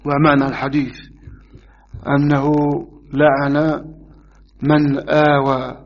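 A man teaching a religious lesson, taking his time and leaning on the words that matter. His voice sits a little high for a man. The recording is dull and lo-fi. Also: flat delivery, slow. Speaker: hadith teacher. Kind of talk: religious lesson explaining hadith.

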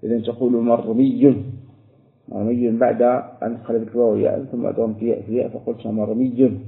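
A man teaching a grammar lesson to a class, explaining each step and repeating words slowly while he quizzes his students. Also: mid-range voice, little pitch movement, creaky. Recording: echoey room over a phone-like line.

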